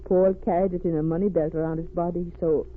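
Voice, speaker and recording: In a vintage radio drama with a narrow, tinny sound and light noise, a woman plays a troubled refugee wife haunted by a smuggler's crime as she recounts her ordeal. Her lowish voice is flat and close to everyday speech, her word order sounds foreign, and grief weighs on every pause.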